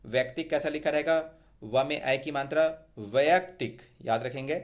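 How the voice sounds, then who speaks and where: A male teacher runs an exam-prep spelling lesson at a middle pitch. He drills each word slowly, saying the wrong form and then the right one again and again. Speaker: Hindi teacher.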